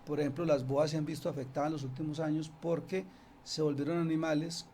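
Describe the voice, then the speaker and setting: Guy on a radio show, kinda high voice, rambles and restarts, faint hiss behind. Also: little pitch movement, quick pace, mellow. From Antioquia, Colombia. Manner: conversational, many restarts and fillers. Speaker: snake expert guest. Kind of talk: radio interview, explaining. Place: radio studio.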